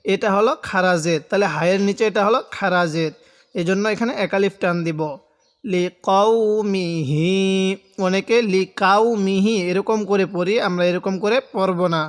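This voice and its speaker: A man teaching Quran reading, spelling out syllables and drawing them out slowly when reciting, with patient step-by-step explanations. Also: sits high, in a large hall.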